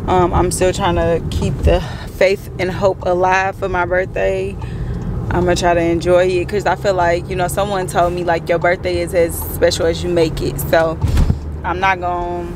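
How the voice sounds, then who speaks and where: A woman's voice: lowish voice, little pitch movement, normal speed, background noise. A woman in her twenties chatting casually in a vlog, slangy and frank. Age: 20s. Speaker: vlogger.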